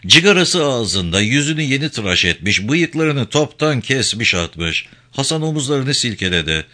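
Expressive male audiobook narrator. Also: mid-range voice, normal speed. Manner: expressive, storytelling.

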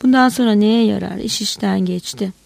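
A woman's voice: mid-range voice, normal speed, creaky, a little mellow, no echo. A woman reading aloud voices a bitter, regretful old man of seventy-five on his deathbed, speaking in a tired, complaining way.

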